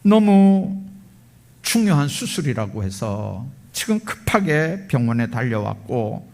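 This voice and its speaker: Brief: man acting out a grieving woman nurse, quiet and soft-spoken. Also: sits high, voice pushed up, exaggerated voice. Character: tearful female nurse.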